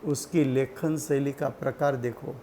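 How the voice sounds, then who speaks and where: A man giving a slow, deliberate religious study lecture, repeating key points for his listeners. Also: mid-range voice, fairly even intonation, dark tone, slight background noise. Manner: slow, deliberate teaching with repetition. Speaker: scripture teacher.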